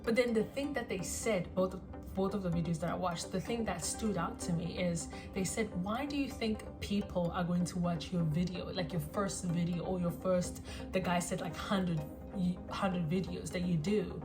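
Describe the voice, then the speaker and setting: In her twenties and from South Africa, this vlogger introduces herself to the camera in a phone-recorded clip with music behind her. Her voice is fairly low, and she rambles self-consciously, pausing often and saying um a lot.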